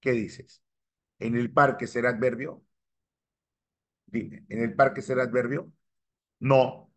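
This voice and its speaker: A man lecturing on grammar in a mid-range voice. He keeps firing quick questions at his students, pushing his pitch up hard whenever he stresses a key term. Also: steady tone, fairly bright tone. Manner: emphatic, jumps up in pitch to stress key terms. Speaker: language teacher. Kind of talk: exam-prep grammar lecture.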